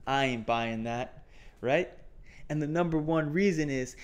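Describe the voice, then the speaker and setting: A man's voice: fairly high pitch, unhurried, clear, resonant tone, voice pushed down, close to an everyday voice. A man putting on an indignant, taunting wrestler, delivering a science lecture as a theatrical, confrontational wrestling promo. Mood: challenging. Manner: theatrical, emphatic, confrontational, with slangy rhetorical questions. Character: indignant, taunting male wrestler cutting a promo against flat earthers. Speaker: geography teacher.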